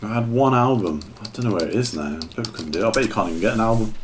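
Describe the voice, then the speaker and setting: Bloke, lowish voice, talks fast, blunt, faint hiss behind. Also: male voice, expressive. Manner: laconic, blunt, hesitant fillers. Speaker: podcast co-host. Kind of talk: casual chat.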